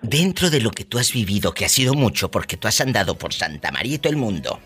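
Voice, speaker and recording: A man's voice: on the low side, big pitch swings, fast, fairly bright tone, slightly rough. A man from Mexico hosting a call-in radio show, teasing callers with a theatrical, playful delivery. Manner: theatrical, teasing, bursts of laughter and catchphrases. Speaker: radio podcast host. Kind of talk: flamboyant call-in radio chat.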